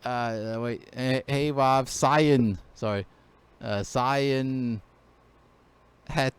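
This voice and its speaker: A man's voice: medium pitch, steady tone, very slow, smooth. Hesitant man teaching a casual lesson. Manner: hesitant, many fillers and restarts. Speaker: language teacher. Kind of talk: casual screen-share lesson.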